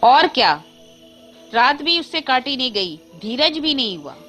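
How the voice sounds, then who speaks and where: A woman voicing a frightened old mother who scolds in a shrill, alarmed way, reading a Hindi storybook tale. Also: big pitch swings, measured pace, a bit bright, faint music behind, full character voice. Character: frantic fearful old mother.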